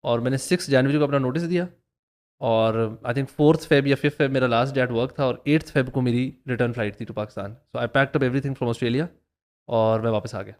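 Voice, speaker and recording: A man's voice: mid-range voice, steady tone, a little mellow. A middle-aged man casually telling his own story, mixing English phrases into his Urdu and laughing along the way. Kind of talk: casual chat.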